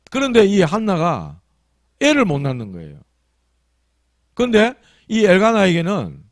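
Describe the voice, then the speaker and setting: A man's voice: fairly high pitch, a little mellow, no room sound. A man preaching a Sunday sermon as pastor, telling stories in a colloquial, emphatic way. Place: church.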